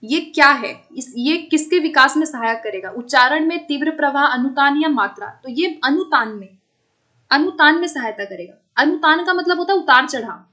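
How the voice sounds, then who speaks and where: A woman's voice: sits high, animated, normal speed, sharp tone. A woman teaching an online exam-prep class, explaining step by step, checking again and again that students follow, and mixing English terms into her talk.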